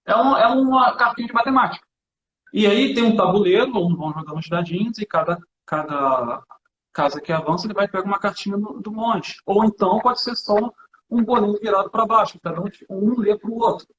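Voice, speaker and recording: Talking a little fast in a high voice, a teacher from Brazil casually walks through classroom materials, animated and hands-on, with plenty of "né". The room echoes and the sound is lo-fi. A bit of background noise can be heard.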